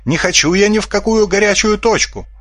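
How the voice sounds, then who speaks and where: A man's voice: high voice, a little fast, fairly bright tone, husky, no room sound, clean studio sound, pitched above the performer's own voice. A man voicing a frightened young male pig in an audiobook, squealing and panicky.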